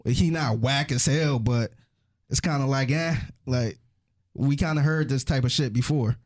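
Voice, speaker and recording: A man's voice: medium pitch, unhurried, a little mellow. A man chatting casually and laying out his opinions at an easy pace. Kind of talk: casual chat.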